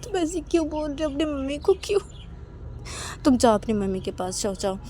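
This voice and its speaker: A woman's voice: mid-range voice, moderate pace, dark tone, a little hiss or hum, lightly acted. A woman voicing a caring young woman who urgently pleads and insists. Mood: pleading.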